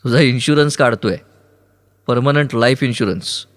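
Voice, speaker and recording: A man's voice: medium pitch, normal speed, long reverb tail, natural voice. Man doing a dry, joking young man. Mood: wry. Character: calm joking young man rowing a boat. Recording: sea waves behind voice. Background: ocean waves sound effects.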